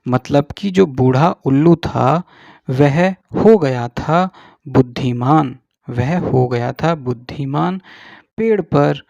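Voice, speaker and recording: A man teaching English in a slow, explanatory lesson, drawing out each English word and checking in with the listener after every point. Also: medium pitch, gravelly, warm tone, no echo, muffled recording. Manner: slow, drawn-out English words, repeats with "ठीक है".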